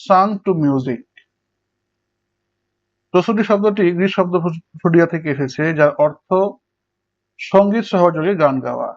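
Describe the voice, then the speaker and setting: A male teacher explaining English prosody step by step to students and working through examples. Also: on the high side. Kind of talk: Bengali lecture on English prosody. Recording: dull lo-fi recording.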